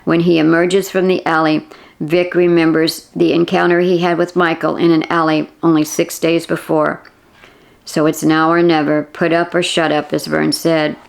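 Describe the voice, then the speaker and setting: A woman reading a mystery audiobook in a steady, measured way. Her voice is low and carries a gravelly texture. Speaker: audiobook narrator. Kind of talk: audiobook narration.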